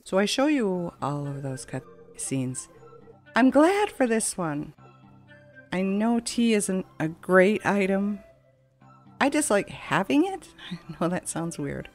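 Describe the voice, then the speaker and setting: A woman with a mid-range, very animated voice speaks slowly with long pauses. As a gaming video host, she rambles through casual let's play commentary at home, where a window is open a crack, a fan runs, and game music plays behind her.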